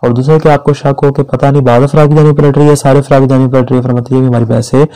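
A man's voice: mid-range voice, level tone, rapid-fire, mellow, poor audio. A male seminary teacher giving a religious law lecture, reading Arabic passages and explaining each one by asking and answering his own questions. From Pakistan. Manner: reads Arabic text then explains it, asking himself questions.

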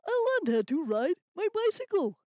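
A woman's voice: very high voice, very animated, normal speed, mellow, no room sound. A woman voicing a cheerful, earnest young male rabbit in a children's puppet story, speaking in simple, careful sentences. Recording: slightly dull lo-fi sound.

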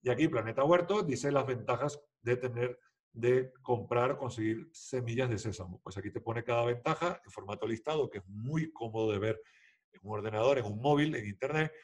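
A man's voice: medium pitch, fairly quick, breathy edge. A man giving an explanatory online lecture on social media, checking in often with the audience and using many fillers. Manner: explanatory, frequent "¿vale?" check-ins and "eh" fillers. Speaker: social media marketing instructor. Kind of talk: webinar lecture with slides.

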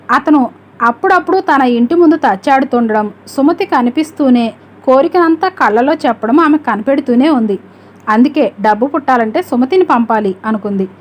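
A woman narrating an audiobook story in a steady, measured reading voice. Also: high voice.

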